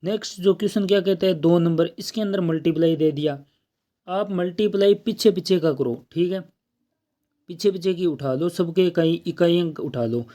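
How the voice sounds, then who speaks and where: Higher-pitched male math teacher, mellow. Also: normal speed. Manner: explains step by step, often checks with "ठीक है". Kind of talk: exam-prep math lesson.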